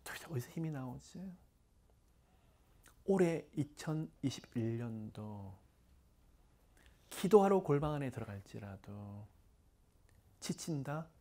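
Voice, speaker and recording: A man's voice: medium pitch, animated, slow pace, pauses often, mellow. A middle-aged man, a pastor, preaching conversationally and often dropping to a whisper. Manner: conversational preaching, many asides; drops to breathy whispers. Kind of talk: sermon.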